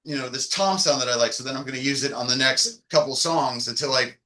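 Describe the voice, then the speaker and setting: A man from the Chicago area talks casually on a podcast, rambling easily through his explanations. His voice has a bright, forceful edge at a middle pitch. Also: quick pace. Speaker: band member.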